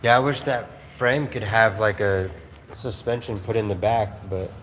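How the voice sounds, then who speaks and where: A man's voice: on the low side, normal speed, fairly bright tone. Rambling, laughing man on a livestream. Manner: rambling, laughing storyteller with many fillers. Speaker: streamer. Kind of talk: casual livestream storytelling. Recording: roomy space with faint noise.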